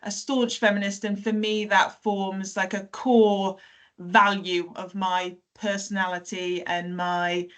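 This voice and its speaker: Woman guest, mid-pitched, chatty and meandering, lots of ums and restarts. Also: little pitch movement, slow, a bit bright. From South Wales. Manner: chatty, many fillers and self-corrections, light laughs. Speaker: teacher and podcast guest. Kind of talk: casual conversational storytelling.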